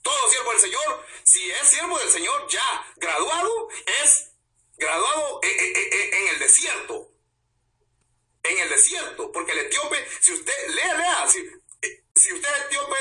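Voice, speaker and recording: High, bright-voiced man preaching with fervor. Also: sing-song, moderate pace. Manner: impassioned preaching, swings from hushed to shouting. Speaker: pastor. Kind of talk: sermon. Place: church. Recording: echoey church, voice from a distance.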